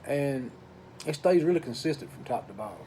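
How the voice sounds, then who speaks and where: A man giving a casual review in an unhurried, folksy way, pausing between short phrases. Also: medium pitch, animated, warm tone, slight background noise, poor audio. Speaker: pipe tobacco reviewer. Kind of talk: casual product review talk.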